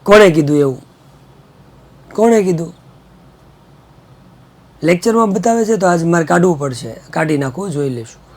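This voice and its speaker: A man's voice: on the high side, a little mellow. A male teacher from Gujarat giving an online class lecture, explaining with frequent English words and repetition and teasing his students. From Gujarat, India.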